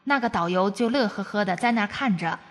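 A woman's voice: medium pitch, animated, fast, long reverb tail. A woman from China reading a first-person testimony aloud, in an earnest, preachy storytelling cadence.

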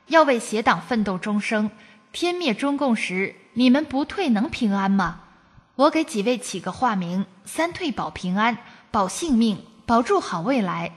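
A woman's voice: a little high, husky, in a large hall. A woman from China reading a first-person testimony aloud, in an earnest, preachy storytelling cadence.

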